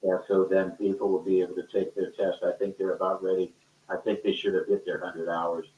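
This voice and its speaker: Here a deep-voiced man talks fairly quickly with a flat delivery, rambling off the cuff like a teacher in an online discussion, casual yet emphatic. The audio is distant-mic call quality, dull and full of echo.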